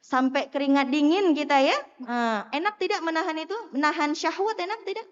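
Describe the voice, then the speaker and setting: A woman giving a lively sermon to a live audience, teasing and asking the crowd questions. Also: high-pitched, brisk. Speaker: preacher. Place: mosque hall. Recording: muffled sound in a long-echo hall.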